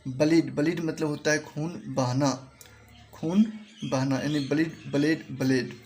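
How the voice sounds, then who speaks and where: A man with an Indian accent teaching English verbs, saying each word slowly and repeating it to drill pronunciation. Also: a little high, fairly even intonation, darkish tone. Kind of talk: spoken language lesson. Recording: faint background noise.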